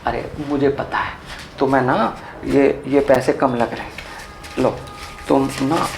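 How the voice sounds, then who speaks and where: A man's voice: medium pitch, fairly even intonation, unhurried, vocal fry, echoey room, a little hiss or hum, rough recording. A man playing a brazen, pushy house servant in a family drama skit, wheedling and insistent. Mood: insisting. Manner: wheedling and insistent, keeps pressing money.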